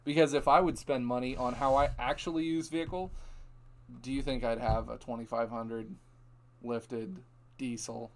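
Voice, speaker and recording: A man from Ohio hosts a casual live-stream chat. He tells shop stories in an animated way and laughs often. His pitch sits in the middle range. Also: normal speed. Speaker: host.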